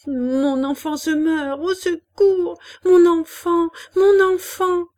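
A woman voicing a frantic young mother who cries out in high, loud panic over her sick child in an audiobook. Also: steady tone, normal speed. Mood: panicked.

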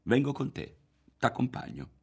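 A man's voice: medium pitch, big pitch swings, moderate pace, gravelly, a little mellow, slightly rough, voice pushed up, exaggerated voice. A man reading a novel aloud, voicing a shy teenage boy who stammers and pleads. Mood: pleading.

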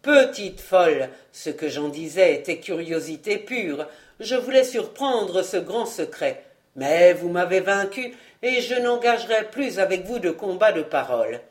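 A blustering, scheming nobleman father in a storybook reading, gruff and sarcastic, his words pitched lower and pushed louder than the narration, as a woman reader puts him on. He swings into booming outbursts. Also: lightly acted.

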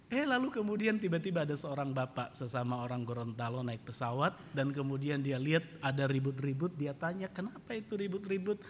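A man's voice: medium pitch, lively intonation, a little fast, few pauses, a little hiss or hum. A male pastor preaching a sermon in a church, telling a humorous story and turning it into an emphatic lesson. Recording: reverberant church hall.

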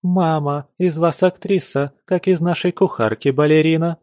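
A man voicing a spoiled, haughty young noble daughter who speaks in a shrill, indignant, sharp-tongued way. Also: fairly even intonation, moderate pace, no echo, clean studio sound, close to an everyday voice.

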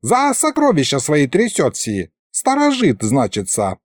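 A man's voice: a little high, wildly swooping pitch, measured pace, dry recording, clean studio sound, heavily acted. A man voicing a cantankerous old male wizard spirit who scolds and shrieks in a folksy way. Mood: dismissive.

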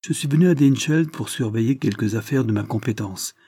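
A man reading the part of a shrewd, authoritative police chief in an audiobook, measured and explanatory. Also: mid-range voice, mellow, breathy edge, no room sound, studio quality, close to an everyday voice. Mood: firm.

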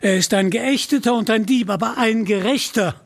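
Man playing a polite earnest young outlaw hero, slow and high, music behind.

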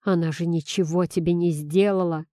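A woman's voice: on the low side, steady tone, moderate pace, mellow, dry recording, studio quality, lightly acted. A woman voicing an angry young man who talks in a tense, bitter, hissing way. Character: angry young man confronting his father.

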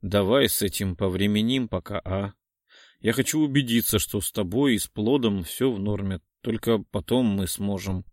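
A man's voice: on the low side, moderate pace, a little mellow, dry recording, studio quality, close to an everyday voice. A man reading an audiobook, voicing an earnest young man who pleads with his lover. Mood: cautious.

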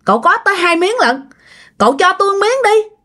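A woman's voice: extremely high pitch, very animated, fairly quick, pushed and bright, pitched above the performer's own voice, heavily acted. A woman voicing a strange middle-aged spirit woman with a girlish voice, begging insistently. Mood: pleading.

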